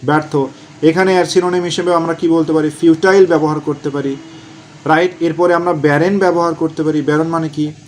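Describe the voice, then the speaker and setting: A man teaching exam vocabulary, asking questions and answering them himself, repeating key words slowly. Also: a little high, fairly even intonation, slight background noise. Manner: asks and answers his own questions, drills words slowly. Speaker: exam prep tutor. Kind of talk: vocabulary lesson.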